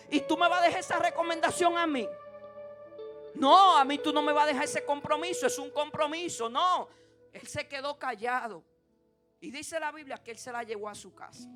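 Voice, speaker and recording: A woman preaching a sermon at a church service, asking the congregation repeated questions and swinging from emphatic peaks to low, intimate passages. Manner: impassioned, rising to emphatic peaks then dropping low and intimate. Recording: preaching over background music.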